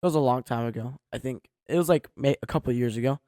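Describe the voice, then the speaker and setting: A man's voice: medium pitch, fast, mellow, no echo, clean studio sound. A young man co-hosting a podcast, laughing easily and filling his talk with "like" in casual chat. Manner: giggly, easily amused, says "like" a lot. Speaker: podcast co-host.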